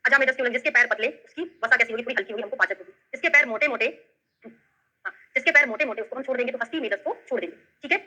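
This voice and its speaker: Brisk bright-voiced woman with a Bundelkhandi lilt. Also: on the high side, low-quality recording. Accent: Bundelkhandi Hindi. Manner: explains step by step and keeps checking in with questions. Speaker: Ayurveda tutor. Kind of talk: online lesson with memory tricks.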